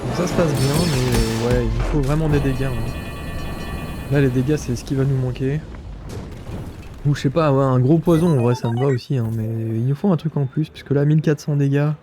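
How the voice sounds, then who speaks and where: A man's voice: mid-range voice, fairly quick, music in the background. A man with a stuffy nose, thinking aloud with many fillers as he comments on his gameplay. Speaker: gaming streamer.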